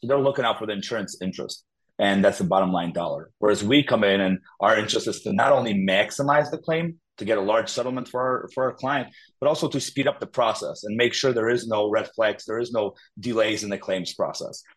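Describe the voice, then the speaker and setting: Speaking fairly quickly in a lowish voice, this guest, a public adjuster from Poland in his thirties, keeps the interview talk casual. He laughs readily and fills his speech with fillers, all captured on poor-quality audio.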